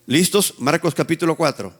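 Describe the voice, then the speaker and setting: A man's voice: fairly high pitch, normal speed. A male pastor with a Peruvian Spanish accent preaching a sermon to a live congregation, calling on the people to repeat his words after him and teasing them as he exhorts them. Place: church service with a live congregation.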